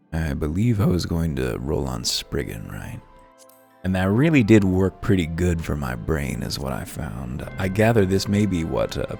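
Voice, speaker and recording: Over background music, a man with an extremely low, slightly mellow voice and vocal fry hosts a video game playthrough. His commentary is wry, musing, and articulate, shifting between casual asides and reading aloud.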